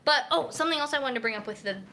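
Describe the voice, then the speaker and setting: Young female dietitian, home kitchen livestream, slightly high, crisp, bright voice, conversational and rambling. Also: racing, slight background noise. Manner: chatty, reads viewer comments aloud while cooking. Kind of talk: live cooking stream chat.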